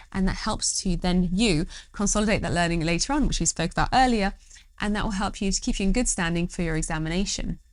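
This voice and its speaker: A woman's voice: medium pitch, dry recording. A young woman doctor giving study tips to camera, upbeat and encouraging. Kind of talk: educational talk to camera.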